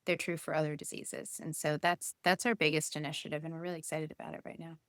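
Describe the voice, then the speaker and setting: Female physician guest, low-pitched, smooth delivery, dry close sound, explanatory and animated. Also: fast talker, dry recording. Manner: explanatory, lively, thinks aloud with fillers. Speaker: guest, physician and healthcare innovation executive. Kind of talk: casual interview conversation.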